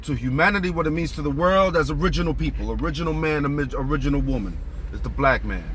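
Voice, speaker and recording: Man in his 30s, casual vlog rant, high and bright, profane, emphatic, filmed on a phone in a car. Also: fast talker, a little hiss or hum. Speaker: vlogger.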